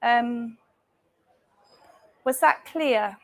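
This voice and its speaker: A woman, a dancer and facilitator, introducing herself at a live panel talk in a slow, deliberate and hesitant way. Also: a little high. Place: live talk event before an audience.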